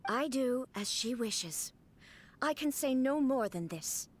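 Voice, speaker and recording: A woman voicing a calm, emotionless female puppet ruler in a video game, speaking in a flat, mechanical, computer-like way. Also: high-pitched, takes it slowly, heavily acted. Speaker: game character.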